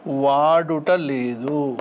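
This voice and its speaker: High-voiced man teaching a lesson. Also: highs cut off, slight background noise. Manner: explains slowly, repeats each word twice. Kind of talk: textbook lesson for exam students.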